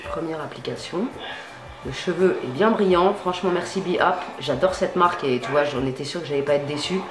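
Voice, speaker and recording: A woman's voice: low voice, a little fast, echoey room, over music. A woman chatting casually while demonstrating how she dyes her hair, slangy and full of fillers. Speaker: beauty vlogger. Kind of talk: casual hair-dye tutorial chat. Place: home at night.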